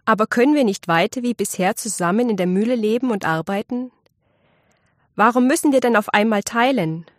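A wronged young miller's son, as a woman puts him on, with a raised, somewhat high voice and quick, protesting speech. He pleads and complains in a plain, dry read with no room around it. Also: no echo, lightly acted. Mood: pleading.

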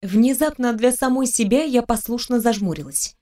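At a normal speed and in a voice on the high side, a woman narrates a first-person fantasy audiobook with expressive storytelling. The heroine's lines come in her own voice.

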